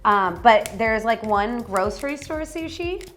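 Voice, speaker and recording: A woman's voice: fairly high pitch, lively intonation, measured pace, a bit bright, soft background music. A woman hosting a casual mukbang chat, talking in a playful, teasing way. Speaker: host.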